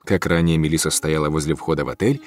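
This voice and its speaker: A man narrating a story in a calm, measured audiobook reading. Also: extremely low pitch, soft background music. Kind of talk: scripted first-person narration.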